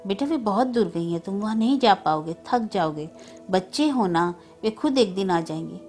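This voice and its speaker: A woman voicing a gentle young uncle who soothes and coaxes a child. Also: mid-range voice, lively intonation, normal speed, faint music behind, natural voice. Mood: coaxing. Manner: soothing, coaxing. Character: gentle young man, the boy's kind uncle.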